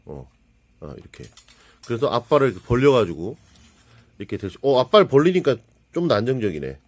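A man casually narrating as he assembles and shows off a plastic model kit, excitable and prone to exclaiming and muttering to himself while he handles the parts. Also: medium pitch, a little fast. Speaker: model kit builder reviewing his build. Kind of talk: casual hands-on hobby narration.

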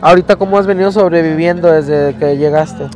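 A man's voice: a little high, a little fast, over music. A man with a Mexican accent, a street reporter asking friendly, coaxing questions. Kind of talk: street interview. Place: outdoors on a city street. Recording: outdoor street with crowd noise.

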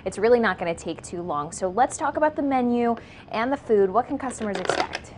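A young woman hosting a live TV morning show segment, asking a guest upbeat, quick questions in a studio kitchen. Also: fairly high pitch, lively intonation, a little mellow, a little hiss or hum, rough recording. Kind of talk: live TV interview. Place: studio kitchen set, indoors. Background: faint sizzling of frying food.

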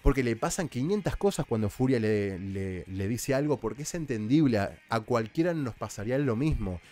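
Argentine man, recap commentary, chatty and explanatory, mid-pitched voice, faint music behind. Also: lively intonation, normal speed, darkish tone. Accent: Argentine Spanish. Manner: chatty, explanatory, with frequent restarts. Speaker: reality show recap commentator. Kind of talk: casual commentary.

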